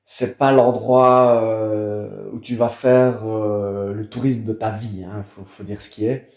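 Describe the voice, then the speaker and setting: Homme belge à la voix sourde, pièce résonnante. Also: male voice, lowish voice, little pitch movement, slow, a little mellow, roomy sound. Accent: Belgian French. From Wallonia, Belgium. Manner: hesitant, many fillers and repeated words. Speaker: guest. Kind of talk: casual conversation.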